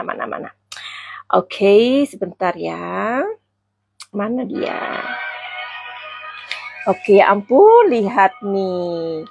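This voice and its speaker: A woman's voice: fairly high pitch, breathy edge, dry recording. A woman hosting a chatty celebrity gossip vlog, theatrical and teasing, calling her viewers darling.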